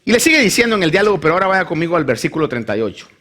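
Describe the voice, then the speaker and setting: Speaking very fast in a slightly high voice, a male pastor delivers an animated sermon. He reads from scripture and performs the voices of the characters in the Bible story.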